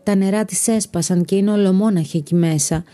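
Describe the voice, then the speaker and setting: A woman's voice: mid-range voice, dark tone, faint music behind, natural voice. A woman voicing a frantic female bystander by a stuck elevator, speaking urgently. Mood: alarmed. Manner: urgent, pleading.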